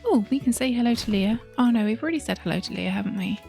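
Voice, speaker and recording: A woman hosting a let's play, chatting casually through her game and sometimes dropping into soft whispered asides. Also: fairly high pitch, animated, quick pace, vocal fry, faint music behind.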